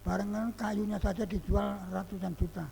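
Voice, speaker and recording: A man with a high but dark, mellow voice delivers a sermon, speaking earnestly and bursting into loud emphasis now and then. The sound carries a long hall reverb with a faint hum underneath. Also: fairly even intonation, moderate pace, creaky. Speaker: pastor. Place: church hall.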